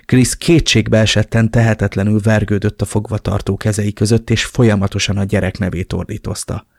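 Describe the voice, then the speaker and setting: Gravelly-voiced male audiobook narrator. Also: lowish voice, level tone, a little mellow, no room sound, studio quality. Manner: dramatic, emotional reading. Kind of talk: first-person novel narration.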